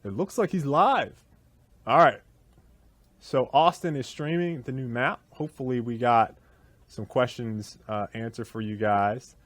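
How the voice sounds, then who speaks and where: A relaxed man hosts a developer livestream, reading out chat questions and answering them in a loose, conversational way. His voice sits at an ordinary pitch and sounds dry and close to the mic, with no room sound around it. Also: unhurried, no room sound. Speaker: developer stream host.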